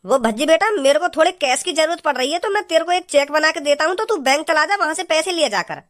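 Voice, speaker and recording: A woman's voice: high voice, animated, fast talker, a bit bright, dry recording. A performer voicing a bossy, impatient rustic father in a cartoon.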